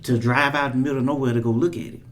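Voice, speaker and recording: A man's voice: mid-range voice, fairly even intonation, rapid-fire. A man co-hosting a podcast, earnest and repeating words as he gets going. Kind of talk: casual podcast conversation.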